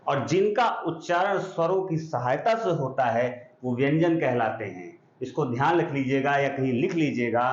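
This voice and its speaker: A man teaching an exam-prep grammar lesson, patiently spelling out sounds and often asking if it is clear. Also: a little high. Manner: explains patiently, drawing out sounds and checking understanding. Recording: echoey room, dull lo-fi sound.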